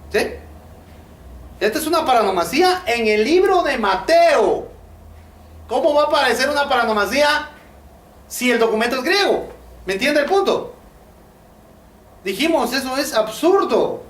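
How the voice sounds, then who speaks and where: A man teaches a Bible study class in a high voice. He fills his speech with hesitations and keeps asking his listeners questions. He is recorded from a distance in a roomy space with a faint hiss behind him. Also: a bit bright. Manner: many fillers and repeated rhetorical questions.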